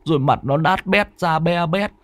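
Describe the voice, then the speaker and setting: A man's voice: fairly high pitch, moderate pace, fairly bright tone, dry recording, pitched above the performer's own voice, natural voice. A man voicing a terrified young village man who stammers and pleads in panic. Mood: terrified stammering.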